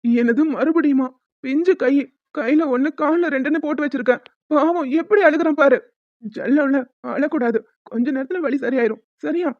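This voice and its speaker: A woman voicing a soft-hearted young father in a cartoon, fretful and doting. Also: high-pitched, moderate pace, dry recording, phone-quality sound, lightly acted. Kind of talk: cartoon voice acting.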